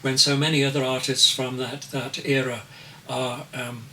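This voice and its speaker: An elderly artist in his eighties gives reflective interview answers, pausing often and choosing each word with care. His voice is bright, and he sits back from the microphone. A faint hiss runs underneath. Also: medium pitch, flat delivery. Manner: slow, deliberate, searching for words. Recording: distant mic with faint noise.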